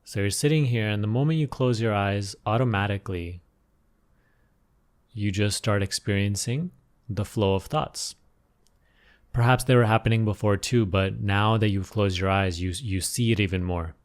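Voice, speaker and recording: Speaking on the low side, a male teacher leads a guided meditation off the cuff. He gives soft, slow instructions, pausing often and repeating certain phrases.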